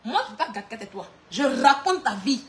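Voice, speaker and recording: A woman's voice: on the high side, sing-song, fast talker. A woman ranting a mocking insult clash at a rival, laughing often as she talks. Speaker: online clash streamer.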